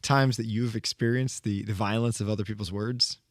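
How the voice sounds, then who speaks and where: Hoarse priest hosting a podcast. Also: male voice, on the low side, fairly even intonation, moderate pace, no room sound, studio quality. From Maryland. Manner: light-hearted, chuckles while talking. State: hoarse from a head cold. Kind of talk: casual podcast chat.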